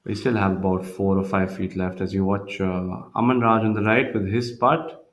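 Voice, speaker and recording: A man with a fairly low voice delivers golf commentary for a telecast. He talks through each shot in a measured, analytical way, pausing now and then to find his words. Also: flat delivery.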